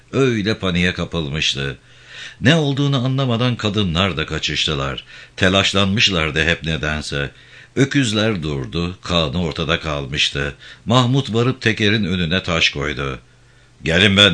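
Bright low-voiced man reading a novel. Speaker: audiobook reader.

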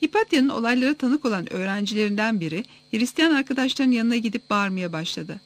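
A narrator reading a first-person story aloud in a steady, even manner for an audiobook. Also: medium pitch, quick pace.

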